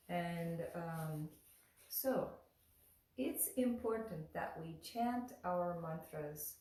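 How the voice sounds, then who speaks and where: A woman teaching mantra chanting in a gentle spoken lesson, leading call-and-response lines that she draws out in song. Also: lowish voice. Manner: soft, unhurried teaching, lifting into drawn-out sung chant lines. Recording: roomy echo, voice heard from a distance.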